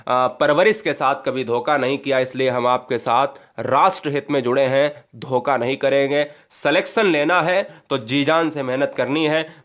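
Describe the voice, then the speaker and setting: A man's voice: mid-range voice, fairly bright tone. A man teaching an exam-prep grammar lesson, asking and answering his own questions and drawing out sounds to demonstrate them.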